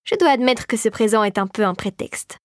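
A woman's voice: on the high side, lively intonation, fairly quick, no room sound, studio quality, close to an everyday voice. A woman reading a kindly old toymaker uncle. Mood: amused. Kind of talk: storybook reading.

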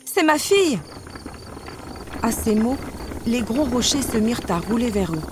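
A woman narrating a children's storybook at a calm, measured pace. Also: a little high, background noise. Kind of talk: storybook read-aloud.

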